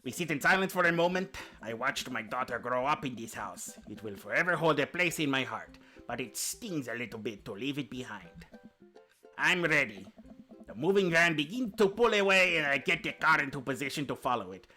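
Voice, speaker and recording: A man's voice: mid-range voice, lively intonation, fairly quick, sharp tone, faint music behind. A man reading a dating sim aloud on a stream as the dad, with playful joking asides.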